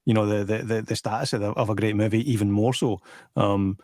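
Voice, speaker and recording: A man's voice: on the low side, steady tone, brisk, darkish tone, no room sound, clean studio sound. A man with a Scottish accent chatting casually about films, hesitating and repeating words as he goes. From Scotland. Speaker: YouTube film discussion panellist. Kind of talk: casual film chat.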